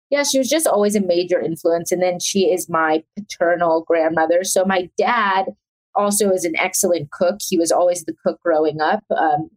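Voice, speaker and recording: A young adult woman from South Africa, a chef, rambles chattily as a guest in a casual interview, using plenty of fillers. Her voice is lowish, and the recording is rough.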